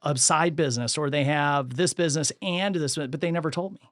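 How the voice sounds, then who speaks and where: A man's voice: on the high side, a little fast, dry recording, studio quality. A man hosting a podcast, telling stories in casual conversation and acting out the people he quotes. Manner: animated, acts out the voices of people in his stories. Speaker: podcast host.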